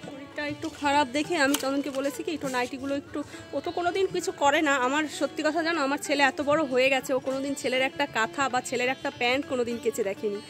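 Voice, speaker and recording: A woman's voice: high-pitched, steady tone, very fast, music in the background. A woman in her thirties with a Bengali accent, chatting casually to her viewers in a family vlog, rambling and friendly. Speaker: family vlogger.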